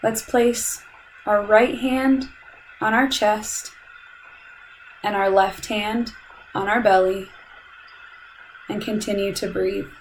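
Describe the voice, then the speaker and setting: There's faint background noise as a woman calmly leads a very slow meditation, her medium-pitched voice soothing and her instructions measured, with long pauses between them. The recording quality is low.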